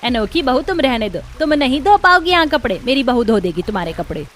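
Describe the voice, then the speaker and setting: A woman's voice: sits high, very animated, a little fast. Stern village mother-in-law, voiced by a woman. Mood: commanding. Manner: scolding, commanding. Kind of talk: cartoon dubbing.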